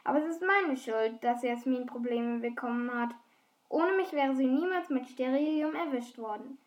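A woman narrating a first-person story as an audiobook reader, lively and switching into the characters' lines. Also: high-pitched, normal speed, reverberant. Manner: lively, plays the characters' dialogue.

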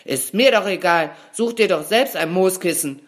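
A woman voicing a young male caterpillar friend, pushy and quick to shout, in a storybook. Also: fairly low pitch, pitched above the performer's own voice, natural voice. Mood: angry shouting. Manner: loud, insistent, raised voice.

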